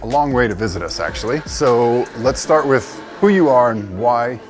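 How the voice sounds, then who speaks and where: A man's voice: medium pitch, expressive, normal speed, faint music behind. A man hosting a casual interview, friendly and easygoing with light jokes. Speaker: interviewer for the brand.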